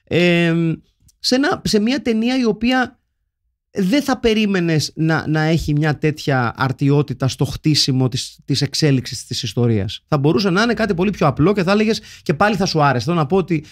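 A man co-hosting a film podcast, chatting casually with animated, enthusiastic asides. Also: a little high. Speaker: podcast co-host. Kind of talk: casual film-review chat.

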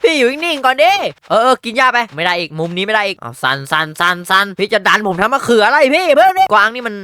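A man streaming a horror hunting game, reacting with excitable, jokey exclamations and running commentary. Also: high-pitched, fast, clear, resonant tone, no room sound, studio quality. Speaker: gaming streamer.

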